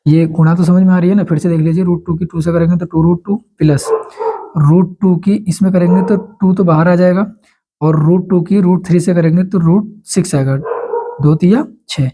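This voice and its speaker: A man's voice: sits high, steady tone, fairly quick, mellow, rough recording. A man teaching a school maths lesson step by step, patiently repeating the key steps.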